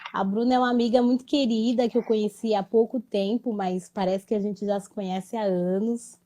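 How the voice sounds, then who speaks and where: A woman's voice: mid-range voice, fairly even intonation, brisk, low-quality recording. A woman hosting an interview, speaking in a reflective, conversational way and often adding tag questions. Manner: reflective, warm-toned, with many tag questions. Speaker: host. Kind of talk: casual interview.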